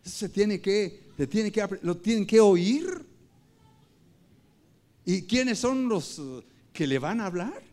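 A man's voice: slow, pauses often. A man preaching a sermon, addressing the congregation as brothers and parents and quoting scripture with rising force. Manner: lively, swings pitch and loudness for emphasis.

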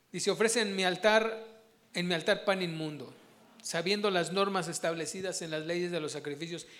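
A man preaching a sermon, asking his congregation questions as he goes. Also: high-pitched. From Mexico. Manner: animated, asks the congregation questions.

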